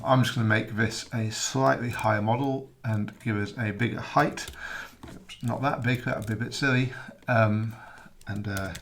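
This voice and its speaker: Developer, hoarse and losing his voice, casual rambling screen-share tutorial, low gravelly tone. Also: fairly bright tone. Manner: rambling, many ums and uhs, self-correcting. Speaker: software developer demonstrating his app.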